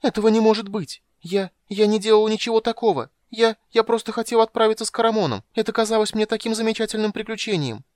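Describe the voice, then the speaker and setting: A frightened young kender, as a male reader puts him on, pleads in a high, stammering voice that keeps breaking toward tears. The read is close and dry, with no room sound around it, as in an audiobook. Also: sing-song, moderate pace, hardly any pauses, no room sound. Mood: sobbing. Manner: high, tearful, stammering pleas. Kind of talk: audiobook character voice.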